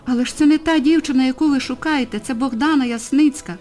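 A woman's voice: on the high side, fast talker, warm tone, natural voice. A woman voicing a frightened young actress who pleads and protests on behalf of her friend in a storybook reading. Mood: pleading. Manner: pleading, alarmed.

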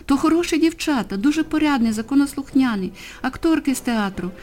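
A frightened aunt begs the policeman, all humble and fawning, as a woman narrator puts her on. Her voice is pitched high and pleading. It keeps a mellow, unbright warmth underneath. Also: lively intonation, fairly quick, a little hiss or hum. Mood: imploring. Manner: imploring, fawning.

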